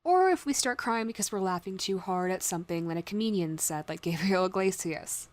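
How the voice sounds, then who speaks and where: A woman voice actor playing a caring young woman friend who comforts the listener in an audio role-play, speaking in a soothing, protective and gently teasing way. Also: fairly low pitch, expressive, a little fast, lightly acted. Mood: consoling.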